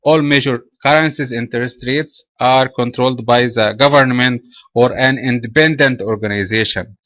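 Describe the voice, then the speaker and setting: A man from Egypt presenting a trading webinar in a measured, explanatory way. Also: medium pitch, fairly bright tone, no echo.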